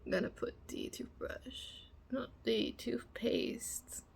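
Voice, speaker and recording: A young woman voicing a bossy, teasing female roommate in a whispered role-play, speaking softly close to the mic. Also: fairly high pitch, huge pitch swings, takes it slowly, creaky, slight background noise, exaggerated voice. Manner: teasing, commanding, soft whispering. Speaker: ASMR performer.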